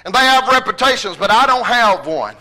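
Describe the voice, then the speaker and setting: A man's voice: high-pitched, big pitch swings, moderate pace, sharp tone. A man preaching an impassioned revival sermon in a folksy Southern US drawl, exhorting his listeners with repeated phrases.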